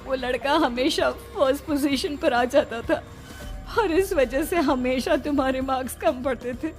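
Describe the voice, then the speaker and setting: Woman's acted middle-aged mother, high voice, tearful, pleading, remorseful, self-justifying, story drama, clear music bed. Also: moderate pace, natural voice. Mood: defensive pleading. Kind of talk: dramatized moral horror story.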